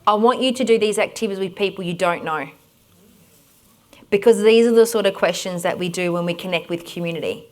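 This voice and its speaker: An Australian woman runs a conference workshop in a mid-pitched voice. She talks to the room directly and energetically, guiding the audience through group activities and telling stories from her own work. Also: a little fast. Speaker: workshop presenter.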